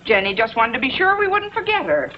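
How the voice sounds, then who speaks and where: A woman's voice: high-pitched, big pitch swings, fast talker. An actress playing a cheerful, good-humored mother who teases and reassures her daughter in a 1950s TV sitcom. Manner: light, teasing, reassuring. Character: breezy good-humored mother, teasing, unflappable. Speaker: mother on a trip. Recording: dull old TV soundtrack with hiss and audience noise.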